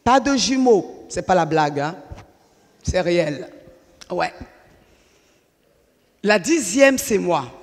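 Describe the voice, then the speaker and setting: Husky-voiced woman in a reverberant hall. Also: fairly low pitch, takes it slowly, long pauses. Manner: animated, acts out the voices of the people in her story. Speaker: speaker giving a personal testimony. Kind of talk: lively storytelling testimony to an audience.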